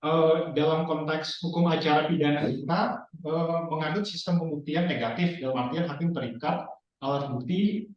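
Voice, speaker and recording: A judge asking questions politely and formally in an online training session, his voice carried by a heavy cavernous echo over a video call. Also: fairly high pitch. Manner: polite, formal, with frequent hesitations. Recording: very echoey, distant, muffled online call audio.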